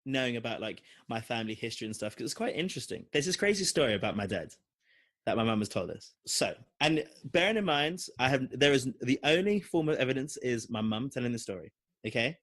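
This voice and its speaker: Medium pitch and quick pace mark this young man from London, who has a London accent. Co-hosting a podcast, he recounts a long personal story in animated, rambling fashion with many fillers, keeping the chat casual.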